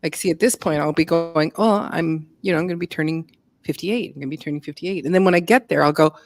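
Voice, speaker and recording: A woman's voice: low-pitched, fast. Easygoing woman in her fifties. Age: 50s. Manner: easygoing, laughs a lot. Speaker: co-streamer. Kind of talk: casual chat. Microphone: video call.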